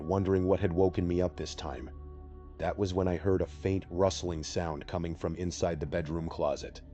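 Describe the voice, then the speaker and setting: A man giving a steady, measured first-person telling of a scripted horror story. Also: deep voice. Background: faint music.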